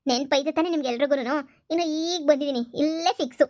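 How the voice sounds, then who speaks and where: A woman's voice: high voice, fairly quick, a little mellow, no room sound, clean studio sound, natural voice. A woman voicing a stern female police officer in a cartoon comedy, warning. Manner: stern, warning, lays down conditions.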